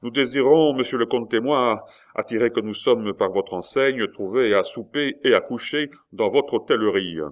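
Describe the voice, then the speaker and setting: A man reading aloud and voicing a hot-tempered young gentleman swordsman who shouts and swears. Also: medium pitch, pitched above the performer's own voice, close to an everyday voice. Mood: angry. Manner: shouting, quick to anger, swearing.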